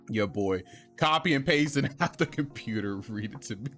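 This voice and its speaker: A man's voice: mid-range voice, lively intonation, unhurried, a bit bright, faint music behind. A young man streaming from home and chatting casually with viewers, teasing them and laughing often. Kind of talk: casual chat reading viewer messages.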